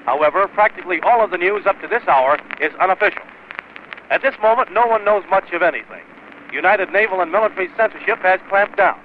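A man's voice: high voice, animated, fast, narrow, tinny audio, slight background noise. A man reading a formal wartime news bulletin as a radio newscaster, heard through an old 1940s radio broadcast recording. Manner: crisp, formal announcer delivery.

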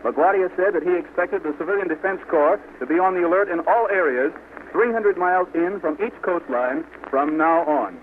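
A male announcer reads a wartime news bulletin in a formal, measured old newsreel manner, his voice sitting a bit high. The sound is thin and boxy like an old radio broadcast, with a faint hiss underneath. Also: narrow, tinny audio. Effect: old newsreel-style broadcast sound.

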